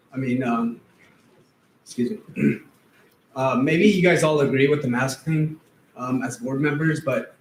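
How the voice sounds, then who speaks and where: Middle-aged parent, man, from Afghanistan, casual halting public comment, roomy echo. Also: medium pitch. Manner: informal, hesitant, lots of fillers. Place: large meeting room. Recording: echoey room, faint noise.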